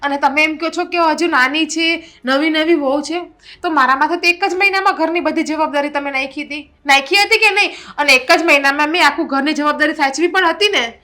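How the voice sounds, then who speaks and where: A sharp-tongued elder daughter-in-law in a family drama, played by a woman. Her voice sits high and bright, full of scolding and sarcasm as she complains she does all the housework. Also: a little fast. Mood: complaining. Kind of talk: Gujarati family stage drama.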